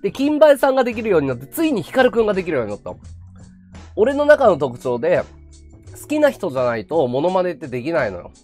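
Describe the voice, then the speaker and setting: Brief: chatty male streamer, pitch leaping all over, faint music in the background. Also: fast talker. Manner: chatty, animated, laughs a lot. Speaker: livestream host. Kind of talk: casual chat to viewers.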